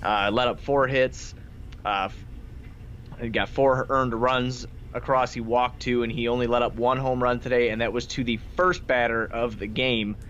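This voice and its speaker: A man's voice: mid-range voice, steady tone, normal speed, fairly bright tone. A man hosting a sports podcast, recapping a game in casual, informal, slangy chat. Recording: dull lo-fi sound with faint noise.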